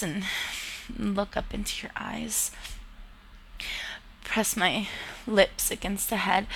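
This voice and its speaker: Woman narrator for an intimate audio story: heavy vocal fry, bright tone, soft and half-whispered. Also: mid-range voice, a little hiss or hum. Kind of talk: intimate second-person romantic audio story.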